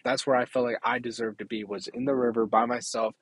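Young guy, husky voice, dry close sound, earnest and halting like he's sharing his own story. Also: mid-range voice, flat delivery, no room sound. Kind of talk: personal testimony.

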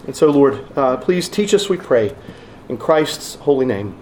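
A man, the host pastor, praying and introducing the speaker at a pulpit microphone, earnest and halting with many uhs. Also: mid-range voice, expressive, darkish tone, echoey room, a little hiss or hum. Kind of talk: opening prayer and introduction.

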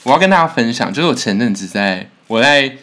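A young man who co-hosts a podcast and works as a singer-songwriter chats casually, telling animated stories and laughing often. His voice is mid-range and he talks fast.

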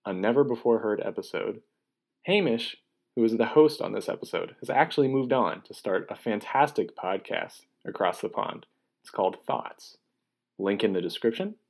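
A man's voice: lowish voice, darkish tone. A young man delivering a scripted podcast introduction in an upbeat, announcer-like way. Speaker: podcast host.

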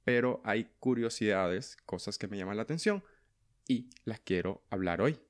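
A man's voice: fairly low pitch, lively intonation, normal speed, background noise. A Venezuelan man hosting a podcast, talking in a casual, rambling monologue full of fillers and restarts. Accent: Venezuelan Spanish. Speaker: podcast host.

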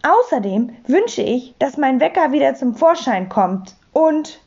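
A woman's voice: sits high, big pitch swings, measured pace, darkish tone, dull audio, heavily acted. A woman voicing a sleepy, grumpy grown man who murmurs and grumbles in exasperation. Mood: grumbling.

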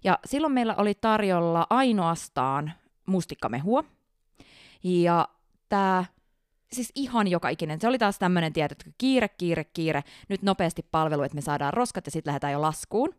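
A woman co-hosting a casual podcast as a flight attendant, telling stories in an animated way and laughing often. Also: fairly low pitch, clean tone, no echo, clean studio sound. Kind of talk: casual podcast chat, reading listener stories.

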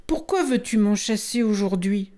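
A woman's voice: medium pitch, lively intonation, normal speed, dark tone, close to an everyday voice. A woman voicing a cheeky, freedom-loving boy in a storybook, defiant and offhand.

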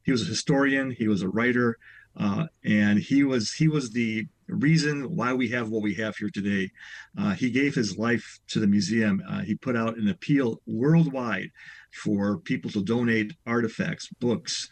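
A man's voice: lowish voice, normal speed. A man in his sixties, a radio guest, explaining history at length with frequent "uh" and "you know" fillers. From Chicago area. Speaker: guest, museum president. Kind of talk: radio interview.

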